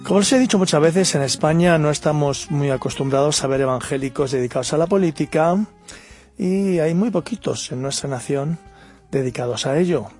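A man's voice: fairly high pitch, a little fast, darkish tone, faint music behind. A man, a pastor hosting a radio interview, encouraging his guest.

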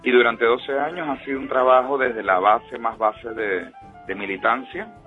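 A man born in Venezuela, a politician speaking as a radio interview guest in a measured, earnest way, heard over a phone line. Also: medium pitch, steady tone, faint music behind.

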